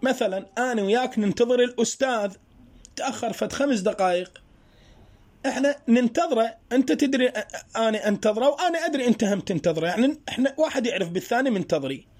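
A man teaching a grammar lesson. He explains slowly through worked examples and asks his students rhetorical questions. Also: very high-pitched, expressive, darkish tone. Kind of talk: spoken Arabic grammar lesson.

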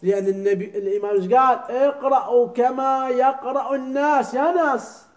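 A man teaching a religious jurisprudence lesson, often stopping to ask his students whether it is clear and to quiz them. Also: very high voice, fairly even intonation, brisk, low-quality recording. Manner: keeps asking students "clear?" and quizzing them.

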